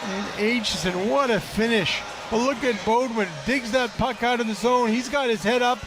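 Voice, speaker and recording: A man gives hockey replay analysis in a high, emphatic voice. He sounds enthusiastic as a colour commentator. Music plays clearly behind him. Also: moderate pace.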